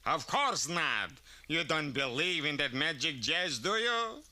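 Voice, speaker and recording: A shifty cartoon fortune teller with mock-mystical patter. The voice is sharp and bright, swinging wildly in pitch as it wisecracks. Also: male voice, very animated, unhurried, full character voice. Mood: breezy, sly.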